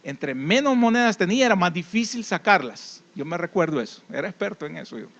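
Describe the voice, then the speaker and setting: Salvadoran male preacher, high-pitched, folksy conversational delivery, dull lo-fi recording. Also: very animated, brisk, vocal fry, fairly bright tone. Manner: conversational preaching with folksy anecdotes and tag questions. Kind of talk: sermon.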